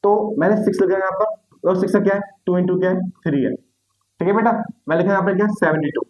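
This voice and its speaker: A man's voice: high-pitched, fairly even intonation, quick pace, muffled recording. A young adult man teaching a maths lesson online, repeating questions and answers and calling students "beta".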